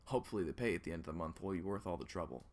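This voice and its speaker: Reader putting on a weary guard, low gruff grumble, webcomic reading. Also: animated, rapid-fire, a little mellow. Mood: grumbling. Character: grumbling tired town guard.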